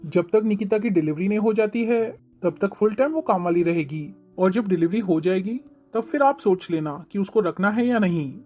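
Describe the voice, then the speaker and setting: Woman as cartoon elder son: earnest, reproachful, mid-pitched. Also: expressive, normal speed, few pauses, dark tone, soft background music, lightly acted. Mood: pleading. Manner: pleading, reproachful. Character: earnest young man, elder son defending his wife. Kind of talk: cartoon family drama voice acting.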